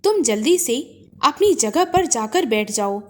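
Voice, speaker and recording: A woman's voice: on the high side, lively intonation, a little slow. A woman voicing an urgent young captive man. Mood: urgent whisper. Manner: hushed, urgent warnings.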